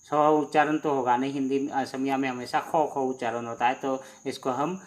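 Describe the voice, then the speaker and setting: A man teaching the alphabet slowly, pausing often with fillers as he writes. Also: mid-range voice, fairly even intonation. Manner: slow, halting, many pauses and fillers. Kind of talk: handwritten alphabet lesson.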